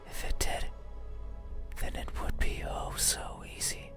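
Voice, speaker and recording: A performer voicing a lonely, eerie demon that yearns to be seen, in a halting, earnest whispered role-play. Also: natural voice. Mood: yearning, eerie. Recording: whisper over loud music.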